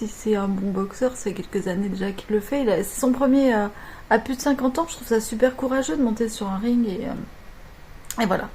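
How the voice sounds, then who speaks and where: Middle-aged woman, higher-pitched, chatty home vlogger keeping her voice down, faint room hiss behind. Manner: hushed half-whisper, chatty. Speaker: knitting vlogger. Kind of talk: casual chat. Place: home, early morning.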